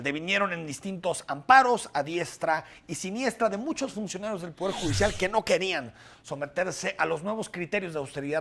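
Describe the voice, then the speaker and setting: Hombre, acento mexicano, voz aguda, análisis informativo enumerando puntos. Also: male voice, sits high, a bit bright. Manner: brisk explanatory delivery, listing points. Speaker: news commentator. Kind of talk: scripted news commentary.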